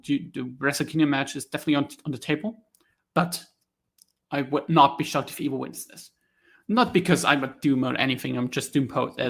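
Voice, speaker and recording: A man's voice: on the high side, fairly bright tone. A man hosting a wrestling review channel, ranting heatedly in solo commentary with swearing and frequent fillers.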